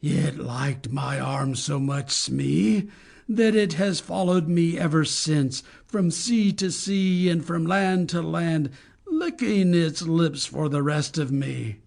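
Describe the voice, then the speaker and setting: A vain, brooding pirate captain, as a woman reads him aloud, slow and theatrical in a storybook. His gravelly voice sits a little high and swoops widely between threats and whimpers. He draws every word out. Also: animated, darkish tone, full character voice. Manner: slow, theatrical, swinging from menace to whining.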